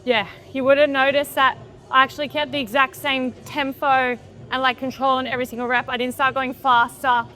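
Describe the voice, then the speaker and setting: A woman's voice: sits high, little pitch movement, fairly quick, bright, forceful tone, soft background music. A woman bodybuilder in contest prep, chatting casually and swearing freely on a gym floor between sets. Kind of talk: casual gym chat and spotting.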